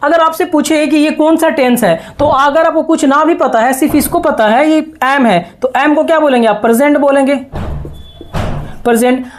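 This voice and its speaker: High-voiced woman teaching grammar. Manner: slow, repetitive, checks understanding often. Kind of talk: classroom lesson explaining grammar.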